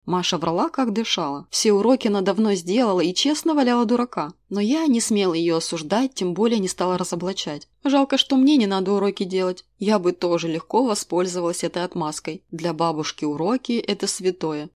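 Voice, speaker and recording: A woman narrating a first-person audiobook in a dry, ironic tone. Her voice sits at an ordinary middle pitch and the reading is steady and scripted. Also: a little fast, hardly any pauses.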